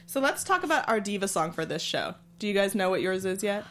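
A woman hosting a casual chat, talking quickly and laughing often. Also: mid-range voice, very animated, a bit bright. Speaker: podcast host.

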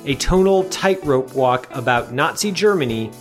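A man's voice: medium pitch, expressive, faint music behind. Articulate man hosting a film podcast. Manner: articulate, measured, with small restarts. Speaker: podcast host. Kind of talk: scripted film review.

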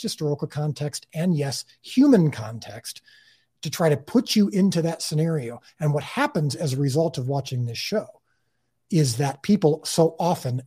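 A man's voice: fairly high pitch, mellow, slightly rough. A man speaking as an interview guest about the series he created, earnest and talkative, often restarting and repeating words. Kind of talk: casual interview talk.

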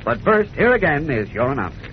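A man's voice: a little high, big pitch swings, brisk. A man narrating a 1940s radio serial in a dramatic, scripted style. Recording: muffled, faintly noisy 1940s radio recording.

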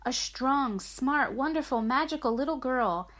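A woman's voice: high voice, lively intonation, a little slow, fairly bright tone. A woman reading a bedtime sleep story aloud as a mother and host, explaining things simply and encouragingly as if to a small child. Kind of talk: gentle sleep story narration and chat with her small child.

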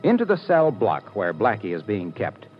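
A man's voice: fairly low pitch, huge pitch swings, moderate pace. A man narrating dramatically as announcer of a 1940s radio drama. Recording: dull old radio recording. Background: music.

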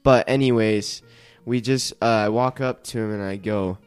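A man's voice: on the low side, fairly even intonation, smooth. A young man playing a tabletop game with friends, joking around in slangy teen speech. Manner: slow, joking, slangy, says bro a lot. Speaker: player. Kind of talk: tabletop role-play banter. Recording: music playing behind.

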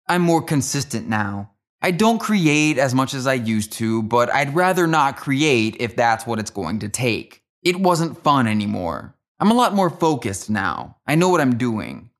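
A man giving scripted narration about music history, with dry, wry asides. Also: medium pitch.

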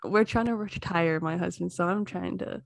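A woman's voice: lowish voice, moderate pace, gravelly, no room sound, clean studio sound. A woman, a mother of two and the guest, chatting casually in a rambling, storytelling way. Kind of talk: casual chat.

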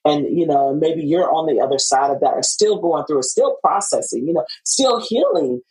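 A woman is hosting a conversational podcast interview. She speaks casually and affirmingly. Her sentences come out haltingly, with small hesitations as she gathers the thought. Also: low-pitched, animated, darkish tone, low-quality recording. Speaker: podcast host.

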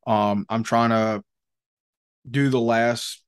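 A man's voice: mid-range voice, fairly even intonation, takes it slowly, clear, resonant tone. A man co-hosting a podcast in casual chat, rambling and slangy, with plenty of swearing. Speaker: podcast co-host.

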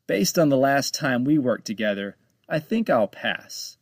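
A man does a brash, excitable pirate captain from a storybook, his voice jumping high and loud. The tone keeps a gravelly grit and stays dry, right up on the mic. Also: a little slow, no echo. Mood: exasperated. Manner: raised, excited, pitching up sharply. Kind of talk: storybook read-aloud.

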